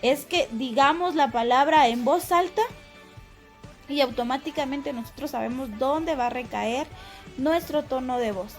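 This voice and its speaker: Slow, high-voiced woman teacher. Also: faint music behind. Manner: patient, explains step by step and repeats words slowly. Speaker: primary school teacher. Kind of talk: recorded class lesson.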